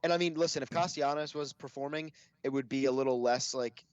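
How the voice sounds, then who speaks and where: A man chatting about sports in a loose, rambling way, filling his sentences with "like." His voice is ordinary in pitch. The recording is dull and lo-fi but close and dry. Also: fast talker, no echo. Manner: rambling, heavy use of "like". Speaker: podcast co-host. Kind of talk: casual sports banter. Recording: dull lo-fi mic.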